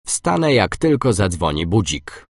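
A man reading short example phrases slowly and clearly for a language course, giving both masculine and feminine forms. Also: fairly low pitch, big pitch swings, dry recording, studio quality.

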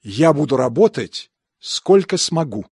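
A man's voice: medium pitch, unhurried, breathy edge, no echo, studio quality. A man reading translated example sentences evenly and carefully for a language course. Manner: even, careful enunciation. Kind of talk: scripted phrase reading.

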